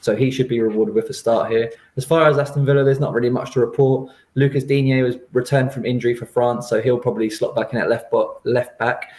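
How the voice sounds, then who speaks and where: Casting note: male analyst, brisk team-news rundown, roomy echo. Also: mid-range voice, steady tone, darkish tone. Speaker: football analyst. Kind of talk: match preview.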